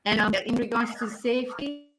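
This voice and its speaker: A woman's voice: a little high, normal speed. Woman on a video call, uneven cutting-out volume, hesitant, hissy line with clicks. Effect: audio cutting out, uneven volume. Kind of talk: casual meeting talk.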